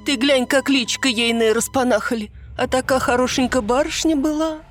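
A woman reading an audiobook, voicing a stout, kindly peasant woman of about fifty with a low chest voice and folksy, soothing speech. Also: fairly even intonation, fairly quick, faint music behind. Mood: worried. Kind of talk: audiobook character voice.

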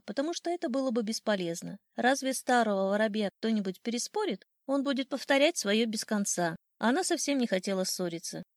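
A woman narrating a classic children's story in an expressive, lilting reading. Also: mid-range voice, no room sound, clean studio sound.

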